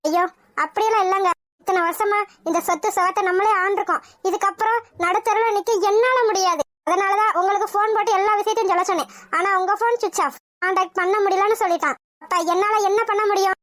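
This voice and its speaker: A woman's voice: extremely high pitch, steady tone, fast talker, a bit bright. A woman voicing an anxious, greedy middle-aged mother in a cartoon, pleading and fretful. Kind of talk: animated cartoon voice acting.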